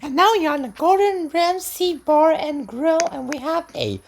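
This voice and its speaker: Very animated and high-pitched, with a creaky quality, a woman talks at normal speed while presenting a lift tour in a shopping centre. Her commentary is casual and simple, and the handheld on-location recording picks up a lot of noise.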